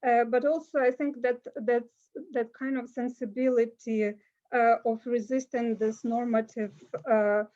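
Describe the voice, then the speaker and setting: A woman giving an academic conference talk over a video call, pausing often with filler sounds. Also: a little high, flat delivery, dark tone, highs cut off. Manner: hesitant, many filler sounds. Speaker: conference speaker.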